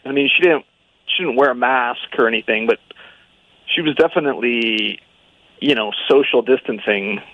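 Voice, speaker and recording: A man's voice: medium pitch, normal speed, no room sound. Guy calling in on speakerphone, tinny phone sound, lots of you know and like. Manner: hesitant, full of "you know" and "like" fillers. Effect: heard over a phone line on speakerphone. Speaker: radio show call recipient. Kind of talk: casual phone chat.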